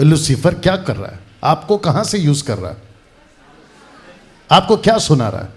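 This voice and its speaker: A man preaching a lively sermon to a church audience, quizzing the crowd and repeating phrases for emphasis. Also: a little high, moderate pace. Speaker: pastor. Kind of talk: lively sermon to a live congregation.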